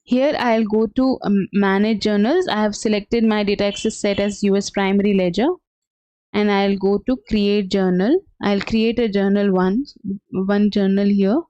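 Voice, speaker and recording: A woman trainer talks through a software tutorial, unscripted and somewhat halting as she explains each step. Her pitch is average for a woman and her intonation fairly even. The recording is dull and lo-fi, with a dry, close sound and no room sound.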